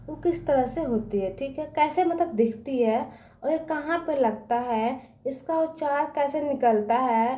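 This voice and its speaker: A high-pitched woman gives a children's reading lesson. She stretches each word out slowly and keeps asking whether the class has understood. Her voice rings in an echoey room. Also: darkish tone. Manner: slow, stretched-out word-by-word dictation; keeps checking understanding with questions. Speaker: teacher.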